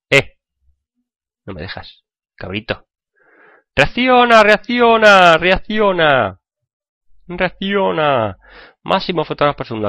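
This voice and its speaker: Hoarse guy from spain doing game commentary, chatty, joking, dry close mic. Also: medium pitch, fairly bright tone, no echo. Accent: Spain Spanish. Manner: chatty, joking, talking to viewers while playing. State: hoarse from a cold. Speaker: gaming channel host. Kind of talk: gameplay commentary.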